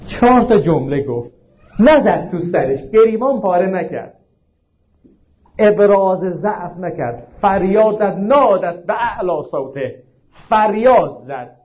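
A male preacher giving a religious sermon, asking the audience frequent rhetorical questions and slowing down to stress quoted lines. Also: high-pitched. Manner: slows down to recite and stress quotations. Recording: dull lo-fi recording.

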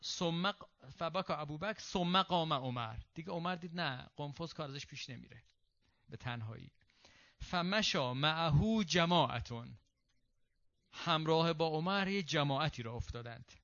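A man giving a religious lecture, reading Arabic passages and explaining them in casual spoken Persian, with quick asides to his listeners. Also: fairly high pitch, lively intonation, fairly bright tone. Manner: quick, conversational asides to the audience. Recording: dull lo-fi recording.

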